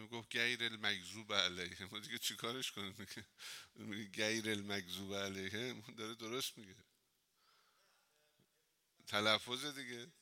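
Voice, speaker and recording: A man's voice: medium pitch, bright, forceful tone, smooth. A man, a cleric, giving an informal religious lesson in a mosque, talking conversationally and telling humorous anecdotes.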